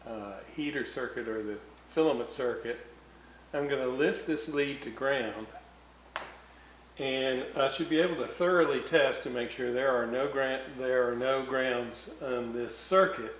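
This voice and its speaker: At a measured pace, a man with a medium-pitched, somewhat bright voice thinks aloud while fixing things in an indoor workshop. He's a hobbyist radio repairer and video host, narrating his hands-on work casually and unscripted. Echo fills the room, with noticeable background noise.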